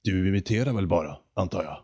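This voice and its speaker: In a storybook reading, a man gives voice to a haughty male condor that can talk. His deep, hoarse, mellow delivery is slow and lecturing, full of arrogance.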